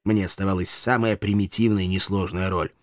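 A man's voice: low voice, fairly even intonation, brisk, dry recording, studio quality. A man narrating a comic fantasy audiobook in the first person, with a wry, ironic manner.

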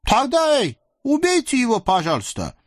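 High, squealing, spoiled sultan for an audio tale, greedy and wheedling. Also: male voice, huge pitch swings, no echo, studio quality, full character voice. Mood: indignant, delighted. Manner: shrill wheedling exclamations with drawn-out "eh". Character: greedy, childish male sultan, gleeful and fickle.

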